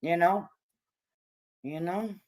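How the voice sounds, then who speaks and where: This livestream host is an American woman, middle-aged or older, who grew up among hippies and banters with her chat in a crude, slangy, irreverent style. She speaks slowly, her slightly low voice a little mellow.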